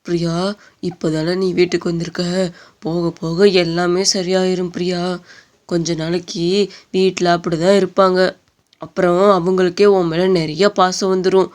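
A woman voicing a patient young husband in an animated story, talking in a soothing, coaxing way. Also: on the low side, normal speed, lightly acted.

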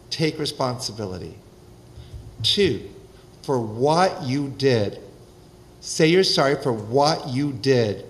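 An older man, a rabbi, preaching a sermon at a podium microphone in a synagogue, animated and wry, with lively gestures. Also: medium pitch, poor audio. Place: synagogue sanctuary, indoors.

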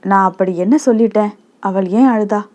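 A woman's voice: mid-range voice, steady tone, fairly quick, a little mellow, lightly acted. A woman voicing an irritable young clerk husband who snaps curtly, in a storybook reading. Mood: puzzled. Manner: curt, snapping.

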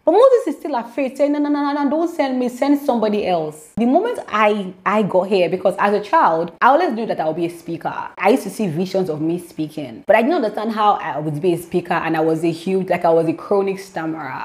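A woman teaching a devotional lesson to camera, reading scripture aloud and explaining it in an earnest, preaching way. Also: fairly low pitch. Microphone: camera mic, speaking to camera.

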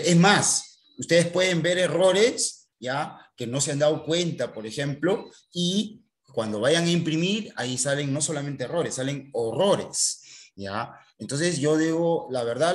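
Man teaching a class, checking "¿ya?". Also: a little high. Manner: talks to students, repeatedly checks with "¿ya?". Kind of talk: recorded online class.

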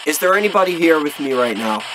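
A man's voice: a little high, animated, quick pace. A young man talking casually to camera as a paranormal vlogger during a ghost hunt. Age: young adult. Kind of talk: casual talk to camera while ghost hunting. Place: attic, indoors. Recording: loud radio static and sweep noise. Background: spirit box sweeping loudly through radio stations.

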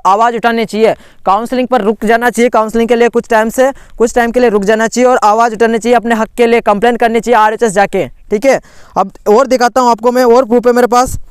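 An education channel host urgently walks viewers through admission lists over a screen recording. He sounds indignant, restarts often, and fills gaps with "theek hai." His voice is extremely high, clear, and resonant, recorded cleanly in a studio with no echo.

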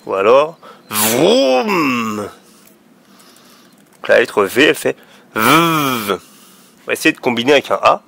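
A man's voice: mid-range voice, lively intonation, normal speed, gravelly, sharp tone. A man teaching young children letter sounds, patiently drawing out each sound. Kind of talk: phonics lesson for young children.

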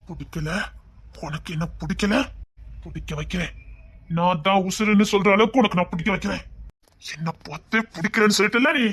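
A woman voicing a possessive, brooding young male hero in an audio drama, with a breathy voice and an intense, coaxing manner. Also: fairly low pitch, fairly quick, fairly bright tone. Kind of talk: amateur audio drama acting.

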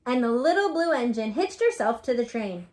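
A woman teacher reading a storybook to children, gently and with soft asides. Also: fairly high pitch, big pitch swings, moderate pace.

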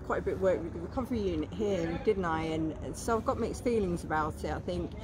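A woman's voice: fairly low pitch, quick pace. Chatty woman on a noisy night street. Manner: chatty, self-deprecating. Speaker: guest, former prison worker. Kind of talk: walk-and-talk interview. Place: outdoors on a city street at night. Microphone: lapel mic. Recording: loud street noise.

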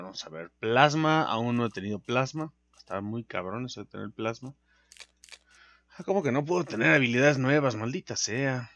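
A man with a Mexican Spanish accent giving live gameplay commentary, excitable and swearing a lot, yelling during fights. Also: medium pitch, no echo. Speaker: gaming video host. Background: game music.

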